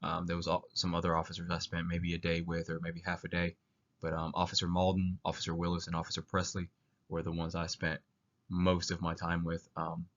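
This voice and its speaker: A young man giving a narrated student presentation, halting and hesitant, while sick with the flu. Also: low voice, monotone, fairly bright tone. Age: young adult. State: sick with flu, coughing now and then. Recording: dull lo-fi voice recording.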